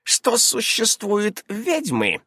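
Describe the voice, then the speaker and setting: A man voicing a fussy, brisk old female witch who keeps darting from question to question in an audiobook. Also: huge pitch swings, bright, forceful tone, slightly rough, no echo, studio quality, heavily acted. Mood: brisk, prying. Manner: shrill, darting, interrupting. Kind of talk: audiobook character voice.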